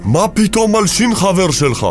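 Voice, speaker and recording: A man's voice: sits high, big pitch swings, over music. An actor playing a stern, protective older immigrant father who speaks broken Hebrew, in a radio drama.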